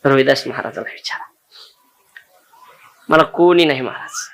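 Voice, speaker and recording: A man's voice: mid-range voice, moderate pace, vocal fry, fairly bright tone. A man from Maharashtra preaching a devotional sermon, telling his own story with emotion and pleading directly with his listeners. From Maharashtra, India. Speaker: kirtan preacher.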